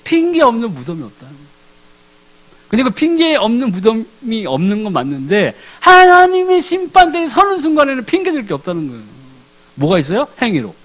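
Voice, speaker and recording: Man, sermon, high pitched, wide-ranging lively intonation, acts out characters. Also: rough recording. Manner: animated, acts out biblical characters in casual speech; asks the congregation questions and answers them himself. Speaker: ordained deacon preaching.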